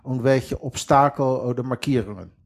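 Gravelly man with a Dutch accent. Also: mid-range voice, normal speed. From western Netherlands. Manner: speaks German with Dutch grammar slips, plain and matter-of-fact. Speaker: guest, lifelong sailor. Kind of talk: casual interview.

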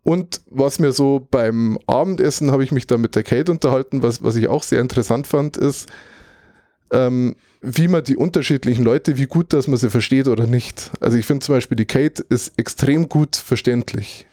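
This German man's dark, mellow, mid-range voice moves at normal speed as he gives a loose, casual recap. He's thoughtful, rambles slightly and hunts for the right word mid-sentence, and the recording is dry and close with no echo or room around it.

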